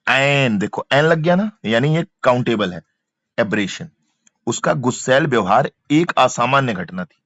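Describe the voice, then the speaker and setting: A male teacher, repeating each word slowly and drilling pronunciation. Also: medium pitch, fairly bright tone, dry recording. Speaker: vocabulary teacher. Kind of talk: exam-prep vocabulary lesson. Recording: dull, dry lo-fi sound.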